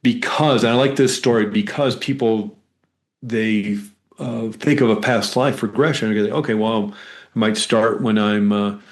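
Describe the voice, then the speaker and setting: The guest, a hypnotherapist, has a fairly low voice and fairly even intonation. In this conversational interview he rambles through explanations and stories, often pausing mid-thought and saying words twice.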